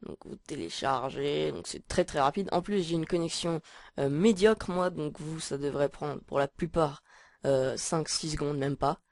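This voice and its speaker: A woman talking through a casual software tutorial, hesitant and full of filler sounds. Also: low voice, normal speed, no room sound, clean studio sound. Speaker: tutorial maker. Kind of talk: casual screen-recording tutorial.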